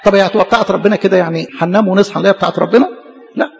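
High, fast, gravelly Egyptian priest preaching. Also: male voice, steady tone. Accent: Egyptian Arabic. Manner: earnest, repeats phrases for emphasis. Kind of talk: sermon. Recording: dull reverberant hall sound.

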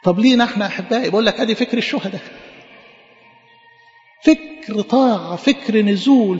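High-voiced Egyptian preacher in an echoey hall. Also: male voice, creaky, dull audio. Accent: Egyptian Arabic. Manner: emphatic, rhetorical questions, repeats words. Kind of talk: sermon.

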